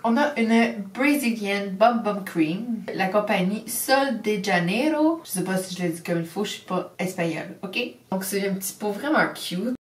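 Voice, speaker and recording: A woman's voice: medium pitch, normal speed, hardly any pauses, recorded from a distance. A young woman with a Québécois French accent chatting casually as she unboxes beauty products and does her makeup, tossing in English beauty words. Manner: chatty, upbeat, drops English beauty terms. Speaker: beauty vlogger. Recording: echoey room, voice a bit off-mic.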